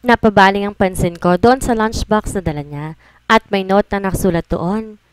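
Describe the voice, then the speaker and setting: A woman's voice: medium pitch, moderate pace, clear, resonant tone, no room sound. A woman narrating a romance audiobook in an emotional first-person reading. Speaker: storyteller.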